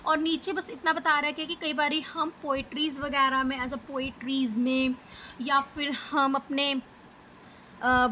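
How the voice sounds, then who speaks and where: A woman's voice: high voice, pushed and bright, slight background noise, low-quality recording. A woman teacher from Punjab, India, with an Indian English accent, explaining a lesson step by step and often checking in with "okay". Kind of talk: exam-prep lesson.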